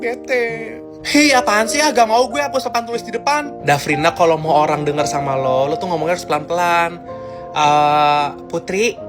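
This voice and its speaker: A young woman performing a comic school skit, switching between several schoolgirl voices. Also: mid-range voice. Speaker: comedy creator. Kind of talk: one-person school skit. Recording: loud music bed.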